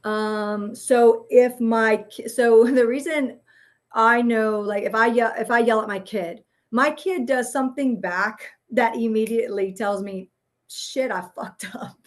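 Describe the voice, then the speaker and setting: A woman's voice: a little high, fairly even intonation, measured pace. A woman therapist and parent explaining in a loose, searching way, full of "um" and "right?" as she talks it through. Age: adult parent. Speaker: guest therapist. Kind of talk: casual explanatory chat.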